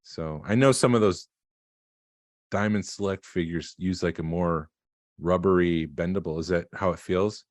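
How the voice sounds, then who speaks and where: A man's voice: low voice, normal speed, a little mellow, no echo. A man co-hosting a collecting podcast in casual chat, explaining things in a matter-of-fact way. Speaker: podcast co-host.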